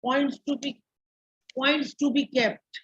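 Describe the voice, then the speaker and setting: An Indian English-accented woman lectures in a classroom, drawing out each term and repeating it for her trainees. Her voice sits high and her pace is unhurried. The recording is muffled and lo-fi. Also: steady tone, a bit bright. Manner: slow, repeats terms, switches to Hindi. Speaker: teacher educator.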